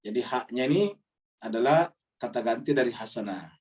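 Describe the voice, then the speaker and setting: An Islamic preacher delivers a Quran study sermon to a congregation, reciting Arabic verses and then explaining them. He speaks briskly and lively, his pitch jumping up on rhetorical questions. He's recorded from a distance.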